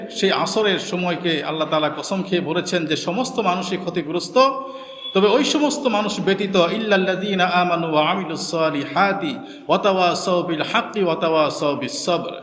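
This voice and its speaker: A man teaching a Quran reading class. He drills the sounds syllable by syllable and repeats each word slowly. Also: high voice, a bit bright. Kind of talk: recorded reading lesson. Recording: echoey room with long reverb.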